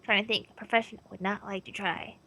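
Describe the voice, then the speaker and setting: A woman's voice: mid-range voice, little pitch movement, quick pace, bright, forceful tone. A young woman in her twenties, a streamer being interviewed, chatting casually in a bubbly, giggly way and swearing freely. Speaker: guest streamer.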